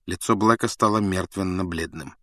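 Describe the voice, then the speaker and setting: A man reading a story aloud as an audiobook narrator, in measured storytelling. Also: low voice, sharp tone, no room sound, clean studio sound. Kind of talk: scripted narration.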